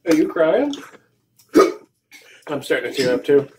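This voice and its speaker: A man's voice: fairly high pitch, sing-song, a little slow, a little mellow. Man, co-host, casual chat, matter-of-fact, faint background noise.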